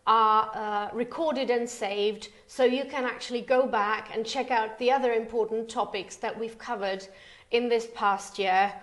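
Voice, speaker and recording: A woman from the Czech Republic, an event manager and consultant, presenting a webinar with enthusiasm. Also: mid-range voice. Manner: enthusiastic, expressive. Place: online webinar.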